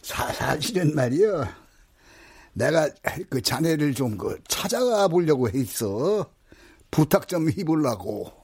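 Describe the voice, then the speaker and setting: Very old village man, slow and halting, swinging pitch, flustered radio drama character. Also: very animated, a little mellow, breathy edge, exaggerated voice. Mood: worried. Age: 80s. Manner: halting, stumbling delivery. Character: very old rural man, flustered, worried collector.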